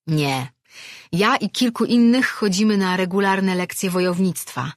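A woman's voice: mid-range voice, a little slow, no room sound, studio quality, lightly acted. A woman reading an audiobook, voicing a merchant's son who is a stubborn, proud young boy. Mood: curt.

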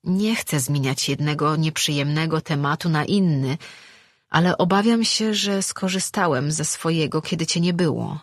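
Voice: medium pitch, normal speed, no room sound, studio quality, natural voice. A narrator voicing a young man, a created being, who argues in anguish and accusation in an audiobook reading. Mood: calm. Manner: anguished, pleading, then accusing.

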